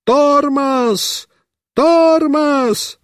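A man voicing Mishka, a scatterbrained young boy who keeps shouting across a yard in a storybook reading. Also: very high-pitched, expressive, slow, dry recording, studio quality, voice pushed up, full character voice. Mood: shouting, excited.

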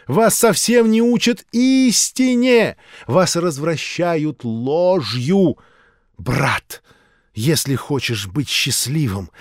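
A man voicing a fervent old street preacher woman in an audiobook, loud and drawn-out in a preaching manner. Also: fairly high pitch, no room sound, studio quality, pitched above the performer's own voice. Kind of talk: audiobook reading.

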